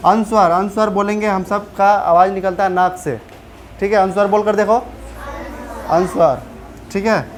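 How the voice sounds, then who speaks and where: A woman teacher with a Bihari Hindi accent gives a classroom grammar lesson, frequently questioning her pupils to make sure they follow. Her voice is mid-range at normal speed with frequent pauses, and there is slight background noise.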